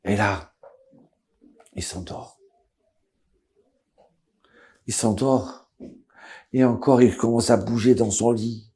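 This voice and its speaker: A man, a rabbi, tells a story dramatically and drops to a hush at tense moments. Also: fairly low pitch, takes it slowly, pauses often, husky.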